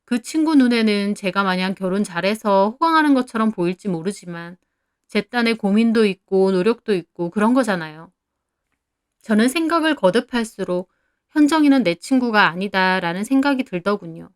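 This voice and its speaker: Woman narrating a story, lively pitch. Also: normal speed, clean tone. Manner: earnest, plaintive first-person storytelling. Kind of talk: first-person story narration.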